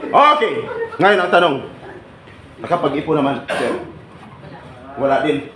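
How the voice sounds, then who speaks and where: A man's voice: a little high, lively intonation, unhurried, a crowd in the background. Teasing male trainer in an echoey room. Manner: teasing, banters with the audience, often asks "right?". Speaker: seminar trainer. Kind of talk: live seminar talk to trainees. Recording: echoey room with background noise.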